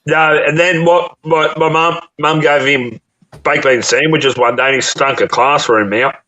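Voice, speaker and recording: A man's voice: a little high, fairly even intonation, a little slow, bright, forceful tone, muffled recording. A man hosting a casual live chat show, telling rambling stories with many restarts and laughs. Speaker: host.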